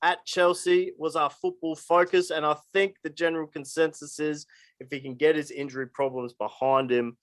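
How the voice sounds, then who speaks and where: A man's voice: on the high side, little pitch movement, moderate pace, dry recording. A man hosting a podcast, introducing segments in an upbeat, announcer-like way. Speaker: podcast host.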